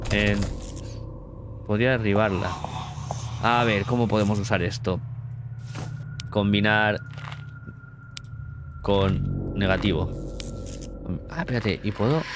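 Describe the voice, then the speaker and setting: A man's voice: lowish voice, noisy background. A man from Spain with a Spanish accent, streaming a horror game, reading its text aloud and reacting with startled exclamations. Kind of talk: casual let's play commentary.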